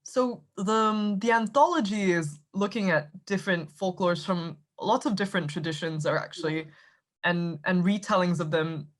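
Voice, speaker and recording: A woman's voice: on the low side, normal speed. A woman from Thailand with an American accent, an author explaining her work articulately in a video call interview. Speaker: author guest. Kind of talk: casual interview answers.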